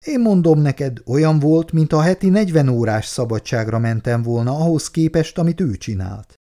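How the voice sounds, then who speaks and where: A man's voice: on the high side, expressive, mellow. A man voicing a chatty, jovial older male farmer and grandfather in an audiobook.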